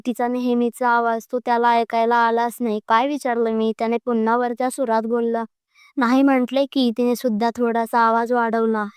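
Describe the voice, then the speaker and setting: A woman's voice: fairly high pitch, a little mellow, clear, resonant tone, no room sound, clean studio sound. A woman reading a romantic story aloud as its storyteller, doing every character's lines in her own voice. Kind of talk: scripted story narration.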